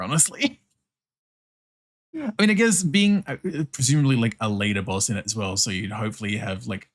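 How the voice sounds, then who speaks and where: An Australian man with a slightly low voice hosts a relaxed art livestream. He talks casually and welcomingly to viewers, with a giggly, sweary streak. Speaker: streamer and artist. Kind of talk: casual livestream chat while drawing.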